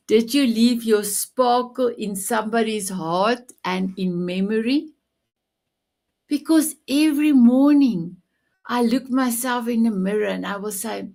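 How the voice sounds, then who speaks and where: Here the host is a native Afrikaans speaker running a live-streamed motivational show, warm, positive and full of terms of endearment. She has a mid-range voice with vocal fry.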